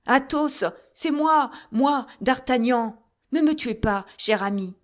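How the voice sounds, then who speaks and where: A woman voicing a hot-tempered, brave male musketeer in an audiobook, speaking in loud, indignant exclamations. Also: sits high, takes it slowly, pitched above the performer's own voice. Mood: urgent. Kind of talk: audiobook character reading.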